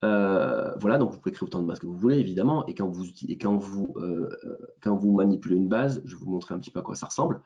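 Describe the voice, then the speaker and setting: A man with a southern French accent presenting a software demo in a webinar, talking hesitantly with many fillers and restarts. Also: low-pitched, fast talker, dull audio.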